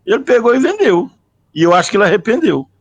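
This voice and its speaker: A man's voice: high voice, sing-song, fast talker, husky, no echo, muffled recording. A man, a student in class, casually telling a personal story with quoted dialogue.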